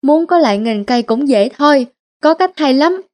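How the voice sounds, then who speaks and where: Lady doing a brash scheming young thief guy, high voice. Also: expressive, moderate pace, a little mellow. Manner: brash, wheedling. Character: young male petty thief, cocky schemer.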